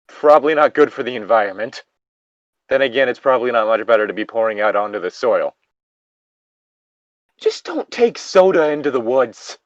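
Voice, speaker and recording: Hosting a casual internet story reading in a mid-range voice, a man repeatedly breaks off to swear and vent in animated, exasperated asides. The recording is muffled, with no room sound.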